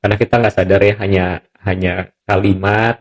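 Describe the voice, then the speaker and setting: Low-voiced man hosting a podcast chat. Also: fairly quick. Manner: relaxed, chuckles often, emphatic asides. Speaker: podcast host. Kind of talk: casual podcast conversation.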